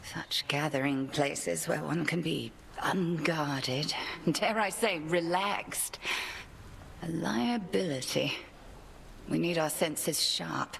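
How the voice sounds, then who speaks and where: An actress voicing a stern ancient witch goddess in a video game, speaking in a formal, measured and reserved way. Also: deep voice, vocal fry, a bit bright, slight background noise, full character voice.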